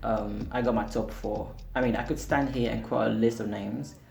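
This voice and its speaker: This vlog features a man whose native tongue is Portuguese, a singer-songwriter speaking candidly to camera and being a little hard on himself. His voice is on the low side, creaky and darkish, at normal speed with fairly even intonation. Music plays behind a roomy echo.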